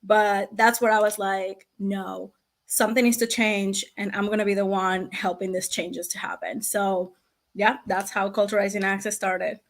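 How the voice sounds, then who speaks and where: An animated woman in her thirties, from Venezuela, speaks as a guest in a casual interview. She talks quickly in a medium voice and tells her story with energy, breaking into laughter here and there. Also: medium pitch. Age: 30s. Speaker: guest, founder of a language access business.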